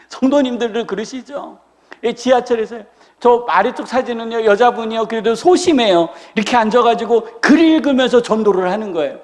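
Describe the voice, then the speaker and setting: A man preaching a sermon as a pastor, lively and humorous, acting out the people he quotes. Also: very high-pitched, normal speed. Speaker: senior pastor. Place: church sanctuary. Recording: reverberant church hall.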